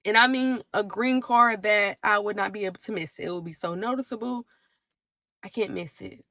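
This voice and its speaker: A young woman, chatting to the camera in an emotional, animated way about her move. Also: medium pitch, moderate pace, no room sound. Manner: emotional, animated storytelling with laughs. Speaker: vlogger. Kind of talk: casual chat to camera.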